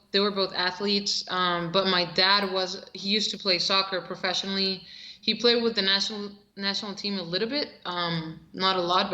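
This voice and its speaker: A professional soccer player from Costa Rica tells her story as a guest in a casual video-call interview. Her voice is bright and medium-pitched, the room is echoey, and her relaxed storytelling is full of fillers and restarts.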